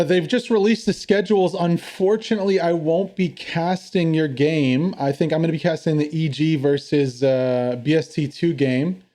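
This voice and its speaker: A man's voice: a little high, warm tone. A man hosting a casual interview with esports team commanders, friendly and talkative with many fillers.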